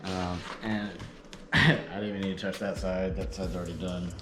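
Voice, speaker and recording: A man's voice: deep voice, flat delivery, moderate pace, heavy background noise. A tired, slightly out-of-breath man casually rambling to his viewers as he unboxes and reviews a product. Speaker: vlogger. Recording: echoey room with background music.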